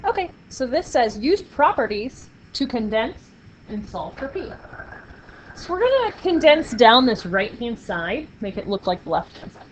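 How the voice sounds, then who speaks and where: A woman's voice: fairly high pitch, big pitch swings, normal speed. A woman teaching a math class, upbeat, playful and encouraging with her students. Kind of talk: classroom lecture. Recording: muffled classroom recording with faint noise.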